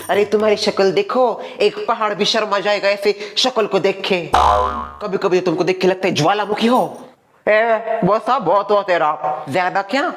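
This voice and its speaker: A man playing a whole household of women and neighbours in a comedy skit, jumping between squeaky and low put-on voices, with music behind him. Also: a bit bright. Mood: bickering. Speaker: sketch comedian playing all characters. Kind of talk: comedy skit with one performer in every role.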